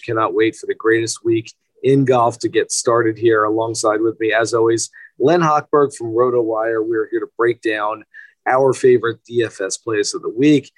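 A man hosting a golf podcast in a hushed golf-commentator manner, speaking from a press building. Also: fairly low pitch, no room sound, rough recording.

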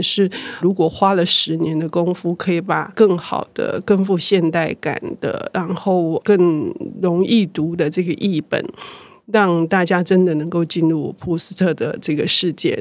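An older woman, a publisher, speaking as a guest in a reflective interview, thoughtful and growing lively when excited. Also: fairly low pitch, no echo.

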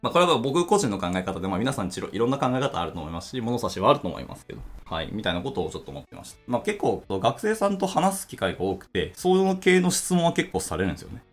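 Male solo podcast host, 30s, rapid, animated delivery full of fillers; faint music bed. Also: medium pitch. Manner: rambling, thinking aloud with many fillers. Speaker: podcast host, programming instructor. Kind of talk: casual solo podcast talk.

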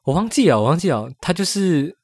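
A man's voice: on the high side, sing-song, fast talker, darkish tone, slightly rough, no echo, studio quality. A man with a Malaysian Mandarin accent chatting casually as a podcast co-host, dropping English words into his speech. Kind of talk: casual chat.

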